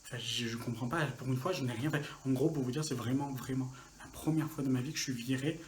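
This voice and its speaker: A man casually telling a personal story for his channel, lively and full of slang and fillers. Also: mid-range voice, quick pace, a little hiss or hum. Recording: echoey room with faint ambience.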